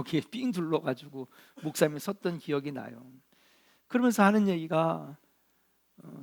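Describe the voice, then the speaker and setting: A middle-aged man preaching a sermon as a pastor, earnest and drawn-out, asking rhetorical questions and dropping in short affirming interjections. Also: a little high, gravelly.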